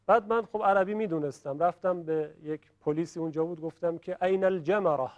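Middle-aged male teacher in a classroom, higher-pitched voice, patient and explanatory, demonstrates each sound slowly. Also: fairly even intonation. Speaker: Quran recitation teacher. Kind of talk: classroom tajwid lesson.

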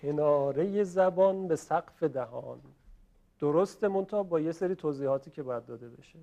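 A man teaching a class on pronunciation, explaining patiently, checking often that students follow and voicing sounds slowly to show them. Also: a little high, gravelly, dark tone. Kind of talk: classroom lesson on Quranic pronunciation.

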